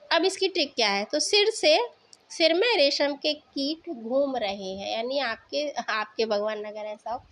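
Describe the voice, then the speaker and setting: A woman's voice: high-pitched, fairly bright tone. A woman teaching an exam-prep lesson with memory tricks, explaining patiently with fillers and questions to the viewer, and words spoken.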